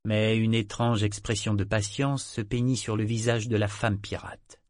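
A man's voice: fairly low pitch, level tone, normal speed, dry recording. Man narrating a novel in a dry studio. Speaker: audiobook narrator. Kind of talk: scripted narration.

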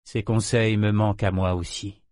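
A man's voice: fairly low pitch, flat delivery, moderate pace, a little mellow, no echo, studio quality, natural voice. A man reading a novel aloud voices a curt, commanding ship captain who speaks with impatience. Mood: brooding. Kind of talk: audiobook character voice.

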